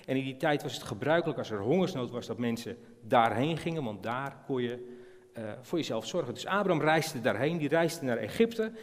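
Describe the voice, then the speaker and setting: A man's voice: mid-range voice, animated, a little fast. A man with a Dutch accent giving an informal sermon in a church, chatty and hesitant, with many fillers and questions to the congregation. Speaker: preacher. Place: church hall. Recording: long church reverb.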